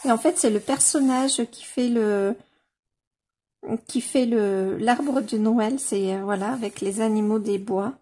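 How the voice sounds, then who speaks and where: A woman casually leafing through a coloring book on camera, gushing over the pages with many fillers and slowly sounding out titles. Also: fairly high pitch, dark tone. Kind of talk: casual flip-through commentary.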